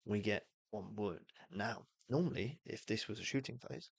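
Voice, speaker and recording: Gravelly low-voiced man streamer. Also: lively intonation, normal speed, no room sound. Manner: thinking aloud with fillers while rolling dice. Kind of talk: casual game explanation.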